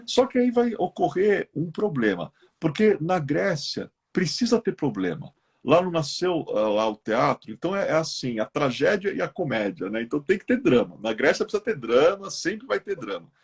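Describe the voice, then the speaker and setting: A man with a Brazilian accent walks his audience through an esoteric lesson, and his fairly high voice swings up and down with animation. The tone is gravelly and slightly husky. He tells each tale with storyteller flair and keeps checking in with his listeners. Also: moderate pace. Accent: Brazilian Portuguese. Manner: lively explainer who acts out myths in quoted voices, with frequent tag questions. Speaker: esoteric teacher co-hosting a live stream. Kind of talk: storytelling lecture in a live chat.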